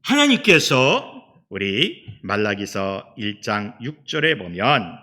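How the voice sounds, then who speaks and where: A middle-aged male pastor preaching a Sunday sermon. He swings from loud shouting peaks to quiet low asides and leads the congregation in reading scripture aloud. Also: big pitch swings, slow.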